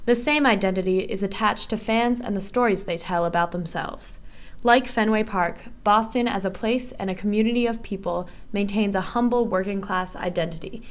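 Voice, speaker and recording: A young woman narrating her student essay in a measured, earnest reading voice. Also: medium pitch. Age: young adult.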